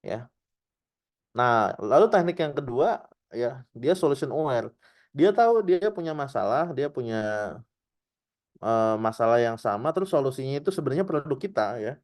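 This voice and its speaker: A man's voice: medium pitch, expressive, moderate pace, pauses often, a little mellow. Chatty man teaching marketing. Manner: chatty, acts out example dialogues; frequent "ya" tags, addresses "teman-teman". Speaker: digital marketing trainer. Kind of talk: casual online class lecture.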